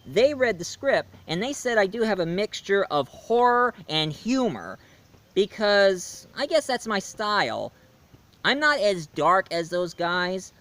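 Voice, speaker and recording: Talking casually to camera, a YouTube reviewer announces his own audio drama. His voice sits high with a fairly bright tone, and he rambles enthusiastically, restarting often.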